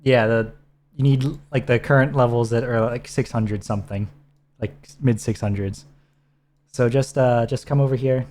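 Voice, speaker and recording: A man co-hosts a game stream in relaxed, instructive chat. His voice sits dark and mellow, patiently talking a teammate through menus. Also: mid-range voice, moderate pace. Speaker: streamer co-host. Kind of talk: casual gameplay chat.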